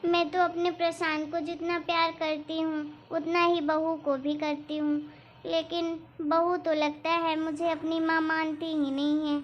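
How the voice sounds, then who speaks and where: A kind, hardworking mother-in-law from a cartoon, voiced by a woman, talking in a gentle, patient, pleading way. The voice sits very high. The recording sounds dull and lo-fi. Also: flat delivery, measured pace. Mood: hurt. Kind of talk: cartoon voice acting.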